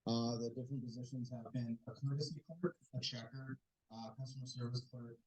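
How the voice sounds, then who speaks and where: A man's voice: medium pitch, steady tone, fairly quick, darkish tone, husky, rough recording. A man in his forties answering questions as a witness, his voice faint and breaking up over a remote computer connection. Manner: plain, listing answers. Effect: faint, cutting-out audio on a remote hearing call. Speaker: witness, store director. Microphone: computer mic on a video call.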